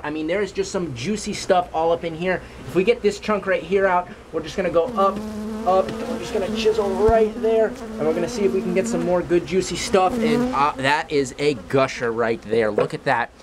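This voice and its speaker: A young man hosting a vlog outdoors beside beehives, talking excitedly and emphatically to camera in a casual style. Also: high-pitched, a little fast. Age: young adult. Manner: exclaiming, emphatic, repeats superlatives. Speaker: vlog host. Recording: noisy outdoor camera audio.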